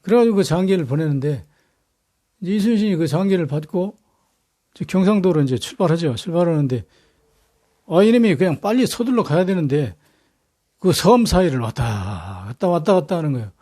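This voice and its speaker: A man telling history in a casual, blunt, colloquial way, full of fillers and rough language. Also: on the high side, animated, a little fast, warm tone. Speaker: history lecturer. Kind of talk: casual storytelling lecture.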